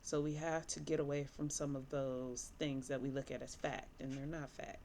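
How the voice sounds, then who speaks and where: A woman in her thirties, a licensed therapist from Michigan, USA, chats to camera in a candid, meandering way packed with fillers, sniffly from allergies. Her bass voice is mellow with little pitch movement and a moderate pace, over slight background noise.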